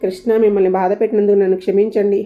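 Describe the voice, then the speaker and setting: A woman's voice: medium pitch, little pitch movement, very fast, lightly acted. A woman voicing a polite, contrite young married daughter in a storybook reading. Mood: apologetic. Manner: polite, apologetic. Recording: dull lo-fi recording.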